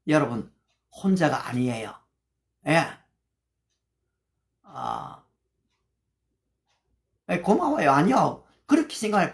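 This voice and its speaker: A woman pastor from Gyeongsang giving a livestreamed sermon, answering viewer comments and reciting English Bible verses slowly and carefully between conversational, encouraging remarks. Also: lowish voice, darkish tone. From Gyeongsang, Korea. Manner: conversational and encouraging, often addressing listeners directly.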